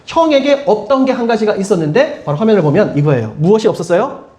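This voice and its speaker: A man's voice: high-pitched, very animated, fast, a little mellow. A man preaching as a pastor to a middle-school youth group, asking the listeners many questions and leading them in group reading. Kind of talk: youth sermon. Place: church hall. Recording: echoey room.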